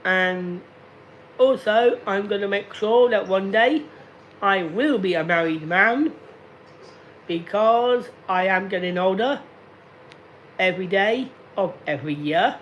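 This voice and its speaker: A man in his late thirties talking slowly and deliberately to viewers on a casual live stream, repeating himself often. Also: sits high, a bit bright, dull audio, slight background noise. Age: 30s. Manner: slow, deliberate and repetitive. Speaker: livestreamer.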